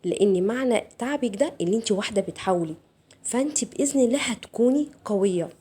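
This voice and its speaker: A woman with an Egyptian Arabic accent hosting a motivational self-help talk, speaking softly and intimately straight to the viewer. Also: on the high side, animated, quick pace, husky. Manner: soft, intimate, addresses viewer directly. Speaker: channel host.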